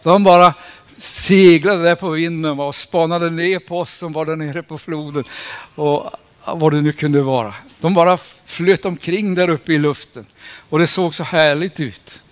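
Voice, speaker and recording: Preacher, male, slightly raised pitch, earnest and deliberate, dull lo-fi recording. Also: fairly even intonation, smooth. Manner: earnest, slows and stresses key phrases, rises when quoting scripture. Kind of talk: sermon.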